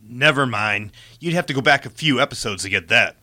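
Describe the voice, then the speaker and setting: A man's voice: mid-range voice, animated, brisk, sharp tone. A man voicing a wry, offhand young ensign. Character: flustered young male ensign.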